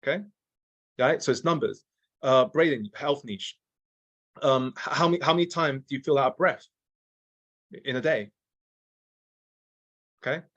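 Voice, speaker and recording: A man runs a casual sales training session, thinking aloud and circling back to the same point. His voice sits at an ordinary middle pitch. He often restarts his sentences and keeps checking in with "okay?" and "right?". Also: a little slow, long pauses, fairly bright tone, lo-fi sound. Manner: drops in mild swearing.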